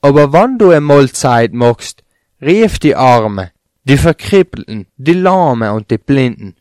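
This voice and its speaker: A man reading a Bible chapter aloud in a steady, plain voice, lifting slightly on quoted speech. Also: mid-range voice, no echo, studio quality. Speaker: scripture reader.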